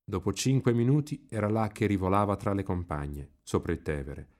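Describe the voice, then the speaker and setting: Lively low-voiced male storyteller. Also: moderate pace. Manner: expressive, lively reading. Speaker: reader. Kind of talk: literary audiobook narration.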